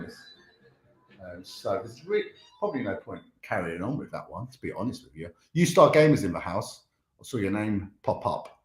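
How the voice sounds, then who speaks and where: A man hosting a live charity game stream, chatting excitedly to viewers as he plays. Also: medium pitch, roomy sound. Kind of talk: live gameplay commentary.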